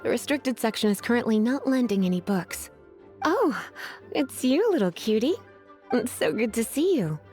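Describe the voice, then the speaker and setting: Coy, high-voiced teasing librarian. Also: female voice, sing-song, normal speed, dark tone. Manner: coy, drawling, sighing, flirtatious. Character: sultry, languid, teasing adult witch librarian with hidden menace. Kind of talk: anime-style video game voice acting. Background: music.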